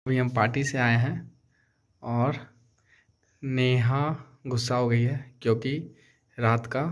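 A man's voice: medium pitch, little pitch movement, slow pace, soft background music. A young man, filming a casual home vlog at night on a phone and coaxing and teasing his wife, often repeating himself. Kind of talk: casual family vlog chat.

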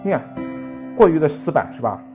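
Man teaching piano lively, animated speech. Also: a little high, fairly quick. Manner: counts beats aloud, asks frequent rhetorical tag questions. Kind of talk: music lesson with counting and playing. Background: piano playing.

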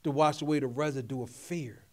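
A man's voice: mid-range voice, fairly even intonation, fairly quick, darkish tone. A middle-aged man preaching a sermon, emphatic and repetitive, calling out questions to his congregation. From Philadelphia area. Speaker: pastor.

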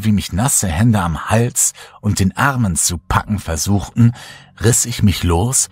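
A man reading a horror story aloud as a narrator, in a slow, hushed and dramatic style. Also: sits low, husky. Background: faint music.

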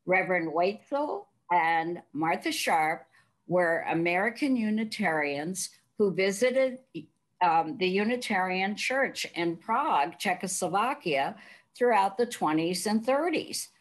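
An older woman moderating a panel discussion over a video call from her living room, speaking in a measured, deliberate way. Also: on the low side, expressive, low-quality recording.

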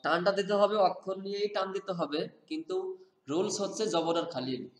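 A man's voice: high-pitched, normal speed, reverberant, soft background music. A man teaching Quran reading rules in conversation, often asking his student to repeat the answer back to him.

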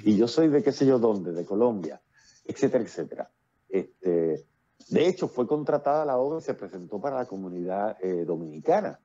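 This is a casual interview over video call, where a Puerto Rican playwright and actor in his fifties talks at length as the guest, restarting often and using lots of fillers. His voice is fairly low and dark, with big pitch swings at a normal speed, and his accent is Puerto Rican Spanish. Earphones with a built-in mic give a muffled recording.

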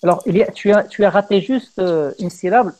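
Un homme, professeur, donne un cours de poésie française en visioconférence, patient et guidant ses élèves. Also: male voice, sits high, fairly quick, a little mellow, a little hiss or hum. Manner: patient, guiding, repeats praise. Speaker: teacher. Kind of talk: online French poetry lesson.

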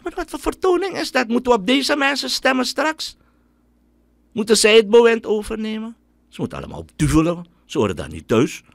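Surinamese Dutch man, middle-aged, ranting radio commentary, pitch swinging wildly, dry close sound. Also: sing-song, a little fast, creaky, no room sound. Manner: indignant, ranting, scornful. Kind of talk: opinionated radio monologue.

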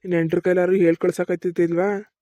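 A man's voice: sits high, level tone, fast, warm tone, no echo, highs cut off, close to an everyday voice. A man playing a blunt, scolding village landlord, speaking. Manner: scolding, blunt, rustic talk.

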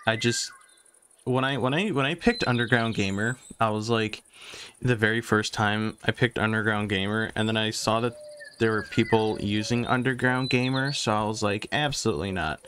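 A man's voice: on the low side, fairly bright tone, slight background noise. A young man hosting a casual game commentary, rambling and repeating words as he plays, his voice still recovering after he lost it. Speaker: gaming channel host. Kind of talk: casual let's-play commentary.

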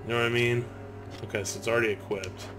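A thirty-year-old gamer and video host talks fast in a steady, mid-range voice, giving casual commentary over music. Clear horror game sounds fill the background as he swears, gripes, and pokes fun at himself.

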